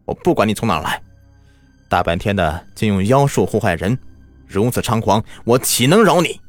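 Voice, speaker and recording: A hot-tempered, stern younger brother in a spoken folk tale, scolding with force and lively pitch, as a male storyteller plays him. The voice is close and dry. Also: moderate pace, no echo, soft background music, close to an everyday voice. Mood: angry.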